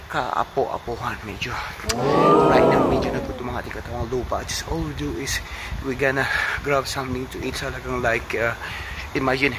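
This animated Filipino overseas worker vlogs casually while walking a night-time city street and later a convenience store, his phone held at arm's length. His mid-range voice competes with loud street traffic as he shifts between Tagalog and English and calls out cheery greetings.

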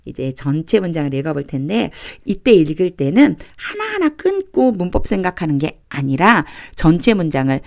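A woman teaching a lesson on reading the English Bible, explaining grammar patiently and reading verses aloud slowly, phrase by phrase. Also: on the low side, big pitch swings, creaky, darkish tone. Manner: patient, repeats and breaks sentences into chunks; reads English lines very slowly and deliberately.

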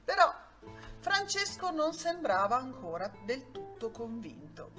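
Female storyteller for children, soft and sing-song, high with wide swings, unhurried. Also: very animated, soft background music.

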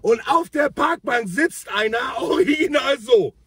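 A man's voice: very high voice, unhurried, husky, no echo, raised voice, recorded from a distance. A man, a paramedic, animatedly telling a story about a call-out and acting out the dialogue. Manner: animated, exasperated, acts out the dialogue. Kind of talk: storytelling vlog.

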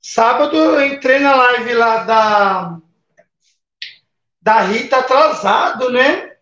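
A man's voice: extremely high pitch, takes it slowly, bright, forceful tone. A man with a Brazilian accent hosting a casual baking live stream, chatting and greeting viewers by name, with lots of tag questions. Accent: Brazilian Portuguese. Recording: roomy, slightly dull live-stream audio.

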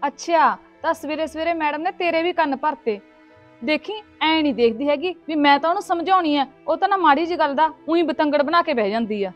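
A woman's voice: high voice, brisk, highs cut off, faint music behind, lightly acted. A woman playing a bossy elder sister-in-law. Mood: self-righteous. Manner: self-righteous, scolding. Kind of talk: Punjabi family sketch acting.

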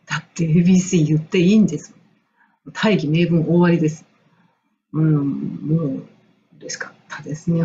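Middle-aged woman from Japan, lively, chatty coach recounting memories; slightly dull recording with a light hiss. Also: sits low. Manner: animated, enthusiastic, laughs often. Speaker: English and music coach. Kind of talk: casual storytelling monologue.

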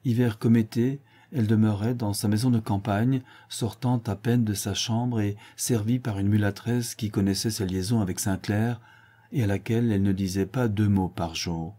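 A man reading a classic novel aloud as audiobook narration, measured and expressive. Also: lowish voice. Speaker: audiobook reader. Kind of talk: scripted literary narration.

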